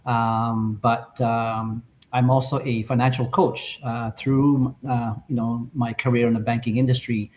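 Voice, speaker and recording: An older man from the Philippines speaks as a guest on a podcast chat, in a voice of average pitch. He is polite and fills his pauses with many "uh" sounds. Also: level tone, darkish tone, slight background noise. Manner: polite, with frequent "uh" fillers.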